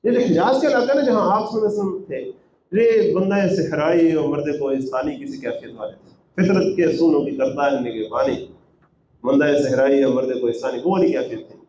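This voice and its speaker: A man with a fairly high voice teaches from scripture, reciting verses and then explaining them with rhetorical questions. The room is echoey, with faint noise underneath. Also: mellow. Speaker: Quran translator and teacher. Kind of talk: Quran translation with commentary.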